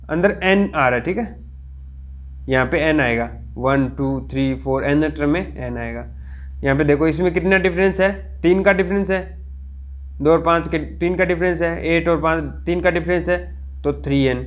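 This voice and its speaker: A male teacher works through a math lecture at a very slow, deliberate pace. His voice sits slightly higher than most men's, and he keeps stopping to ask whether the class has understood. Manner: slow, drawn-out dictation with frequent check-ins.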